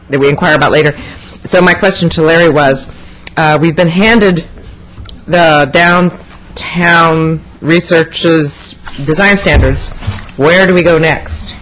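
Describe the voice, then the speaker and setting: A man chairing a city meeting, pausing and repeating words as he steers the discussion into a table microphone. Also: on the high side, low-quality recording.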